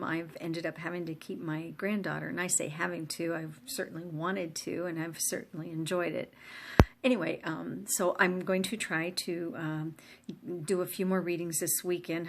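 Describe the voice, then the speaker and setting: An older woman giving a gentle, hesitant spoken introduction as a reader, pausing to search for her words. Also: fairly low pitch.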